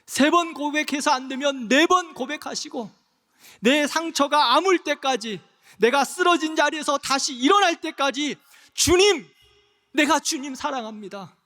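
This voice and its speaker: A male pastor preaching a sermon in a church, passionate, dropping soft and rising loud, slowing on key phrases. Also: very high-pitched. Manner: impassioned, swings between soft and loud, slows on key phrases. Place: church sanctuary. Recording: long hall reverb.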